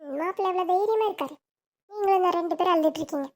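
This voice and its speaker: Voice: very high-pitched, very fast. A child acting as a caring, fussy middle-aged mother who soothes and scolds her daughters. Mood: soothing.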